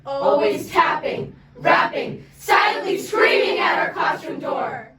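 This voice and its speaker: A group of young women recites poetry in unison with high, projected voices. The delivery is slow, dramatic and emphatic. They sound distant in an echoing space full of voices. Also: female voice, animated, heavy background noise. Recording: echoey, distant mic, loud crowd of voices.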